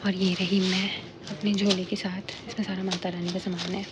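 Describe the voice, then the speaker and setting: A woman's voice: mid-range voice, level tone, moderate pace. A young woman vlogging in a chatty, bubbly way, talking straight to her viewers. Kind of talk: casual vlog chat. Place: city streets, shops and home. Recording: noisy street and shop sound.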